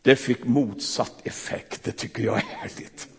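A man preaching a fervent, emotional sermon in a church, swinging between loud and soft. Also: mid-range voice, wildly swooping pitch, husky, long reverb tail.

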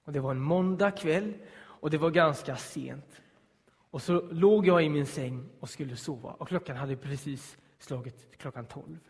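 A man with a fairly high voice tells a personal story aloud, turning suspenseful and hushed at tense moments and acting out the voices he quotes. A long reverb tail trails his words.

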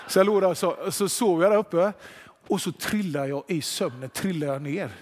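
A man preaching a sermon, telling a joke story with lively delivery and slowing down for emphasis. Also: sits high. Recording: long hall reverb.

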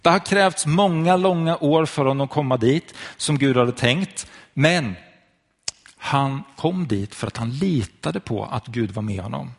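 A man's voice: mid-range voice, vocal fry, breathy edge. A man preaching to viewers at home, telling a Bible story and speaking directly to the listener.

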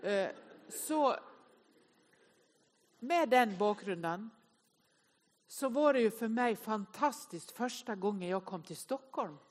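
A woman, telling self-mocking stories in an animated way during a humorous Sunday sermon to a congregation. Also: medium pitch, long pauses. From inland northern Sweden. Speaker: speaker at a Sunday service. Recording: long reverb of a large hall.

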